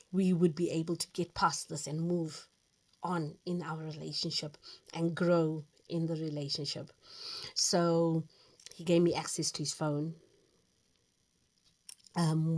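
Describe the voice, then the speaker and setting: Gravelly, husky woman in her fifties. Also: deep voice. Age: 50s. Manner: earnest and reflective, with lively emphasis. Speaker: host. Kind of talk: personal storytelling monologue.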